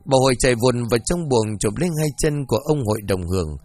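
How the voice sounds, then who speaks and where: A man's voice: medium pitch, lively intonation, fast talker, darkish tone. A man narrating a ghost story with dramatic, storytelling delivery.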